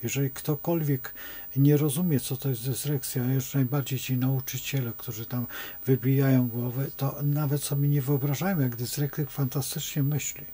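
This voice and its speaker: Husky, mellow-voiced male astrologer. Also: mid-range voice, steady tone, normal speed. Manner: rambling, digressive storytelling. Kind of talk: unscripted monologue.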